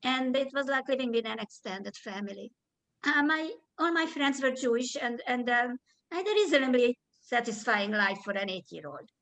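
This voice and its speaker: An older woman from Hungary giving her testimony as a survivor, speaking hesitantly with fillers and throat clearing over a video call. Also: a little high, expressive, normal speed, a bit bright, rough recording. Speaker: Holocaust survivor guest. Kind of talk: spoken testimony in conversation.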